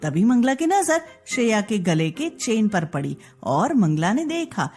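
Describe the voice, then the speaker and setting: A woman narrating a story in an expressive storytelling voice. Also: medium pitch, measured pace, breathy edge.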